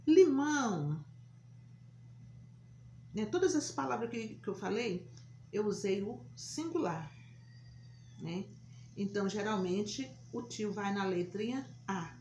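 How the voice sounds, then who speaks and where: Brazilian female primary teacher, deliberate repeated examples, roomy echo on the recording. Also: mid-range voice, a little mellow, a little hiss or hum. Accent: Brazilian Portuguese. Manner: slow, emphatic repetition of example words. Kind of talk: recorded remote class lesson. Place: room at a whiteboard.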